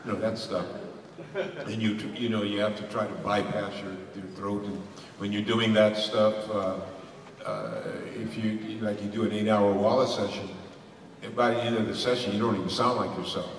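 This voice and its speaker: A man's voice: on the low side, normal speed, distant mic, a little hiss or hum. A man speaking as a voice actor on a convention panel, rambling with lots of restarts and laughs. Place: large convention hall. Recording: echoey hall recorded from afar.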